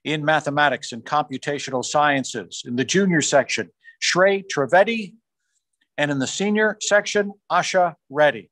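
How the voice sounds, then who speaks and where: A man formally reading out science fair award winners on a video call, rising in pitch on each school name. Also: fairly bright tone, no echo. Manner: measured, formal announcing, rising on school names. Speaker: awards announcer. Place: small room on a video call. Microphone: video call microphone.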